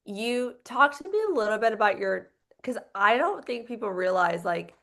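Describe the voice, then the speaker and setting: A woman's voice: medium pitch, animated, moderate pace, creaky, a bit bright. Chatty young woman hosting a podcast. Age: young adult. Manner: chatty, lots of likes and ums, asks stacked questions. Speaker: podcast host. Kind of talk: casual podcast interview.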